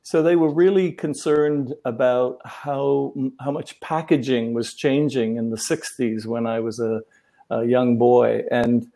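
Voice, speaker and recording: Welsh-born middle-aged guy, gravelly and mellow, talks slow and thoughtful with lots of ums. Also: mid-range voice, steady tone. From Wales. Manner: thoughtful, many ums and restarts. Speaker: guest, relationship coach. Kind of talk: interview answers.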